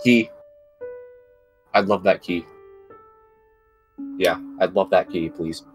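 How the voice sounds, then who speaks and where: A man in casual gaming voice chat, excitable and pleading, a little sick. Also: low voice, takes it slowly. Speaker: gamer. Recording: game music playing behind. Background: game music.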